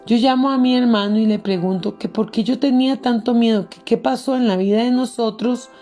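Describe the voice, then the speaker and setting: A woman's voice: fairly high pitch, a little fast, mellow, faint music behind. A middle-aged woman pastor, telling a personal story in an earnest sermon and calling her listeners beloved.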